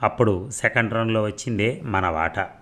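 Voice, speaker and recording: A man voicing a scheming, smooth-talking business partner who mocks the people he has cheated, in a cool, unhurried manner. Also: fairly low pitch, fairly bright tone, natural voice. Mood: mocking.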